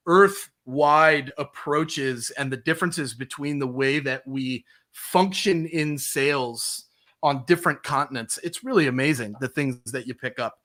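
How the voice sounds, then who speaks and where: Bright-voiced confident man. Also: a little high. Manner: confident, emphatic, demonstrates phone openers. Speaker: podcast guest, sales trainer. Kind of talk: casual interview talk.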